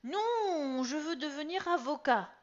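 A woman reading a story aloud, voicing an earnest, eager teenage boy with high, insistent and sometimes whiny outbursts. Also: lively intonation, slow. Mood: pleading. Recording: slightly dull lo-fi recording.

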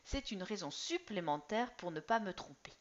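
A woman reading a story aloud, voicing an earnest, eager teenage boy with high, insistent and sometimes whiny outbursts. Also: sing-song, moderate pace, lightly acted. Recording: slightly dull lo-fi recording.

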